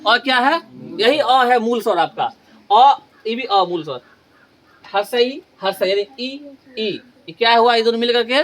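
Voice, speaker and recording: A man's voice: very high voice, a bit bright. A man teaching a grammar lesson in a classroom style, asking questions and then answering them himself, and repeating key terms.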